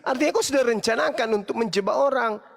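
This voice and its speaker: A man's voice: very high voice, fast, creaky, fairly bright tone. A man, an Islamic preacher delivering a heated, mocking monologue of repeated rebukes. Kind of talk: angry scolding monologue. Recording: long hall reverb.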